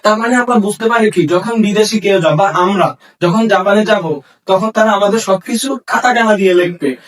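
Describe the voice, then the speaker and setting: Male language teacher, high voice, sits back from the mic, patient step-by-step explainer. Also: normal speed, distant mic. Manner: explains step by step, asks and answers his own questions. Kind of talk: classroom lesson.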